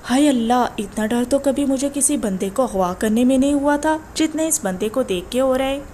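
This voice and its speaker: A woman's voice: high voice, warm tone, a little hiss or hum, natural voice. A woman voicing a feisty young woman who grumbles and talks back sarcastically in an audiobook. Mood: flustered.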